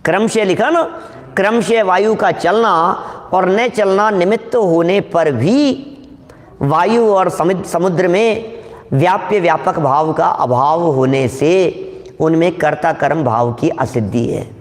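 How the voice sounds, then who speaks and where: A man's voice: high voice, slow, big-room sound. A man giving a religious scripture discourse to an audience, explaining step by step and often questioning his listeners. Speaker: scripture teacher.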